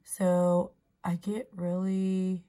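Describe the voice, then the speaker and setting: Chatty, slangy woman with a low voice. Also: little pitch movement, drawn-out words, warm tone. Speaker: beauty vlogger host. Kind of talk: casual makeup tutorial chat. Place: indoors by a mirror.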